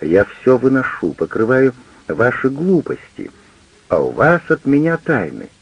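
A man with a gravelly, husky voice voicing an indignant, hurt middle-aged wife who argues with her husband in an audiobook. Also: medium pitch, huge pitch swings, unhurried, no room sound, highs cut off, voice pushed up, exaggerated voice. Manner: reproachful, heated, pleading.

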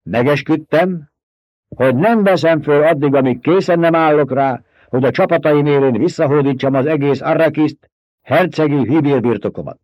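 A young rebel leader who commands a crowd with forceful, challenging questions, as a male audiobook reader voices him. He sits slightly higher and louder than the narration around him. The recording is dry and a little dull. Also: no echo, natural voice. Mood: commanding. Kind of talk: audiobook character voice.

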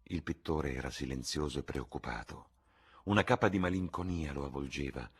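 A man reading a classic novel aloud as narrator, with a husky voice and a measured, subdued delivery. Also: rumbling low. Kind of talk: audiobook reading.

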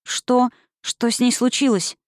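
A woman's voice: a little high, fairly quick, dry recording, studio quality, voice pushed up, close to an everyday voice. A woman reading an audiobook, voicing a frightened little girl who pleads and stammers. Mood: frightened, pleading.

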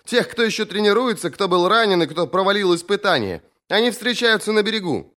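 A man doing a shrill scolding young sister. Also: big pitch swings, a little fast, fairly bright tone. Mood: urgent. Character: young woman, anxious, scolding older sister. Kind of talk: audiobook character voice.

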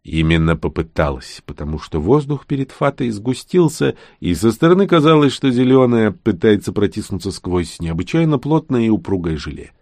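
A man narrating a fantasy audiobook with an expressive, dramatic reading. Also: lowish voice, normal speed, few pauses, no room sound, studio quality.

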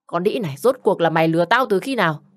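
A woman puts on a jealous young husband in an audio story, coarse and bullying as he hurls accusations. The voice sits fairly low for a woman. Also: lively intonation, quick pace, natural voice. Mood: furious. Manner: shouting insults, coarse and bullying.

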